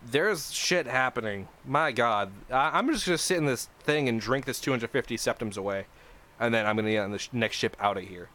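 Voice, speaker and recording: A man's voice: mid-range voice, brisk, bright, forceful tone, natural voice. A man putting on a fed-up drinking adventurer. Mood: weary. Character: grumbling adult male adventurer, fed up, ready to drink and leave.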